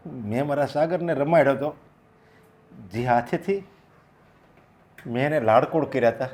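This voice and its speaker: Actor as defeated middle-aged father, sighing, soft score under. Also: mid-range voice, close to an everyday voice. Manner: grieving, heavy sighs. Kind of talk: short film acting. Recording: faint background music. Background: faint music.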